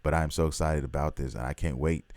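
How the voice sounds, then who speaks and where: A man hosting a casual vlog, talking excitedly in a rambling way and swearing freely. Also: rumbling low, fairly quick, dry recording. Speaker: host.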